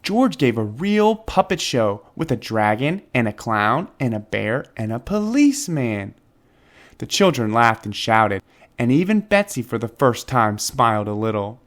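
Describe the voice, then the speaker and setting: A man reads a children's storybook aloud in expressive scripted narration, hitting key words with dramatic emphasis. His mid-range voice swings widely in pitch, and he keeps a measured pace.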